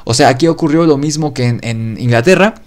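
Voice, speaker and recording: A man's voice: medium pitch, fairly quick. Man casually retelling a paranormal story. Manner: loose spoken retelling with fillers and self-corrections. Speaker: podcast host.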